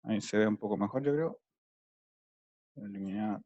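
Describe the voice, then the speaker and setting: A male teacher with a gravelly, creaky voice talks through a math lesson on a video call. He explains each step patiently, and the sound is close and dry with no room echo. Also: fairly low pitch, fast, muffled recording. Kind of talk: online math class.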